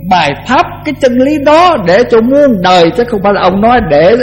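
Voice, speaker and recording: Older monk giving a chatty dharma talk. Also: male voice, extremely high pitch, lively intonation, poor audio. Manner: conversational, repetitive, chanting verses slowly. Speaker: Buddhist monk teacher.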